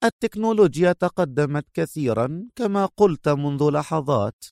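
A man's voice: on the high side, animated, creaky, a little mellow, no room sound, clean studio sound. A man putting on a mocking young woman. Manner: sarcastic, teasing, drawn-out.

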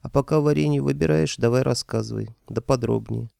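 A man voicing a gruff, bossy old grandfather who gives curt, folksy commands. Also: mid-range voice, brisk, mellow, no room sound, studio quality, voice pushed up. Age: older.

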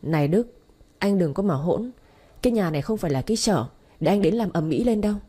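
A woman's voice: fairly low pitch, animated, fairly quick, dark tone, breathy edge. A woman voicing a stern, scolding elderly father-in-law in an audio story. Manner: scolding, firm.

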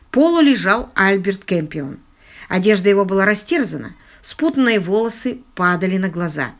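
A woman narrating a detective novel in an even, measured storytelling voice. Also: a little high. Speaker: audiobook narrator. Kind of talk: scripted narration.

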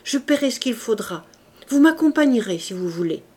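A grave, restrained man speaks low and measured, pleading in a hushed, steady tone, as a woman reading the book puts him on. The voice stays quiet and controlled in this audiobook scene. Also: breathy edge. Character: grave, restrained male ex-convict, calm and low.

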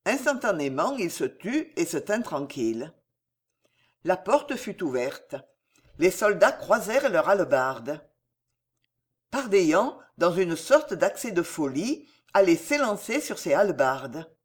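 An audiobook reader narrating a historical adventure novel with a theatrical touch. The pitch sits mid-range but moves widely, keeping the telling animated. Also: slightly rough. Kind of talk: dramatic novel reading.

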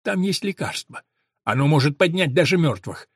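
A man reading an audiobook, voicing a heavy, half-mad drunk man who begs and rants in a loud, strained voice. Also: a little high, lively intonation, normal speed, slightly rough, no room sound, clean studio sound. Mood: frantic. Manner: wailing, begging, half-mad. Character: heavy drunk older man, pleading and frantic. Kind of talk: audiobook character voice.

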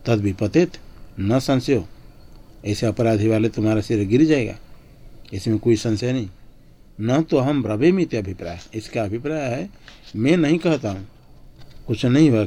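A man with a soft, dark tone teaches scripture to a class at an ashram. He recites a Sanskrit line, then explains it in plain Hindi at an even, steady pitch. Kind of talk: Sanskrit commentary lesson.

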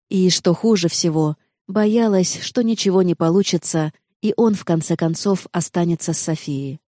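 Mellow-voiced woman narrating an audiobook. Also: on the low side, dry recording, clean studio sound. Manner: steady, expressive reading. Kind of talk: first-person audiobook narration.

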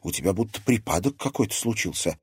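A man voicing a calm caring schoolgirl. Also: lowish voice, quick pace, slightly rough, dry recording, clean studio sound, pitched above the performer's own voice. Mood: concerned. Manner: concerned, calm. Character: caring, level-headed teenage girl student.

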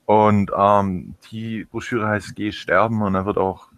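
Lowish voiced guy on a podcast, dead dry mic, kinda stammery. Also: steady tone, a little slow, fairly bright tone, clear, resonant tone, dry recording. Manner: hesitant, stammering restarts. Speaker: podcast co-host. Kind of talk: casual political chat.

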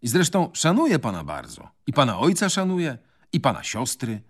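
A man voicing a mocking, sharp-tongued shaggy young man in a radio reading of a novel. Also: medium pitch, wildly swooping pitch, normal speed, pitched above the performer's own voice. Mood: teasing. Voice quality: taunting, jeering.

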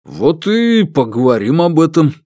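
A man voicing a calm, guarded middle-aged man who speaks in a measured, firm way. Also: on the high side, dry recording, studio quality, voice pushed up. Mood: grave.

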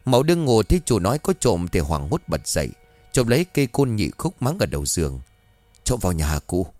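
A man's voice: fairly low pitch, sing-song, fast talker, darkish tone, dry recording. A man narrating a horror folk tale with suspenseful, dramatic storytelling.

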